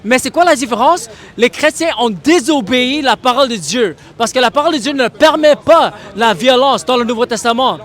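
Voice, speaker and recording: A man with a strikingly high voice argues on a busy city street. He is insistent and pressing, hammering his point and repeating his friendly address again and again. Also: expressive, brisk, few pauses, a bit bright. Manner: insistent, keeps repeating "mon ami". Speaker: street evangelist. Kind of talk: street debate.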